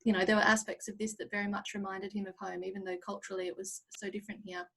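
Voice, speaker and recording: A woman hosting an online talk, moderating briskly and relaying questions from the audience. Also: medium pitch, level tone, fairly bright tone. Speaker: host. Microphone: video call.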